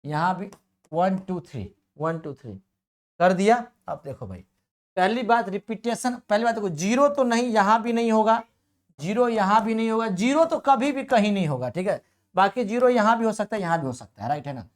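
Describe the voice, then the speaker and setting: A man's voice: high voice, expressive, moderate pace. A male coaching teacher gives a math lecture in a classroom. He talks in a repetitive, coaxing way. He keeps asking the class questions and then answers them himself.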